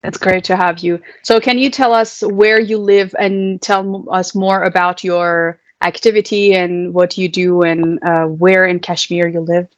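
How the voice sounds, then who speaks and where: A woman hosting a podcast interview, asking questions in a hesitant, halting way. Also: on the low side, fairly even intonation, no room sound, highs cut off. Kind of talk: conversational interview.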